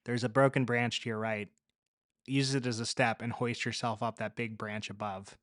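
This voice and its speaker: A man voicing a calm, resourceful young woman survivor, speaking low and matter-of-fact. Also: normal speed, dry recording, clean studio sound, lightly acted. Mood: coaching.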